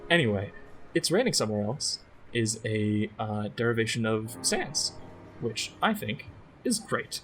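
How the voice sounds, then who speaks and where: A man co-hosting a casual podcast about game music. He talks in an animated way, laughs often and drifts into jokey tangents. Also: on the low side, measured pace, slight background noise. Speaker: podcast co-host.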